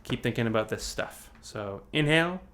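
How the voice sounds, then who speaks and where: Man, vocal coach, online singing lesson, average pitch, loose rambling talk, video call. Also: animated, normal speed, a bit bright. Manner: demonstrates sighs and sung examples; loose, rambling, many restarts.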